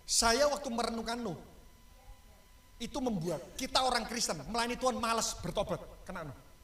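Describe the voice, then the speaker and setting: A male pastor, preaching a lively sermon and joking with the congregation and asking them questions. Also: very high voice, normal speed. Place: church. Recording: echoey church hall.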